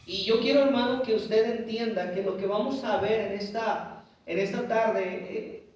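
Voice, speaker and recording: A guest pastor, a man with a high voice, preaches emphatically and keeps calling his congregation brothers. He is picked up from a distance, with heavy echo and faint room noise around him. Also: unhurried, a little mellow. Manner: emphatic preaching, often addressing listeners as brothers. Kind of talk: sermon. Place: church hall.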